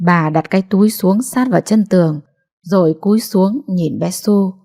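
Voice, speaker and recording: A woman narrating a family drama in a steady, measured storytelling voice. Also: medium pitch.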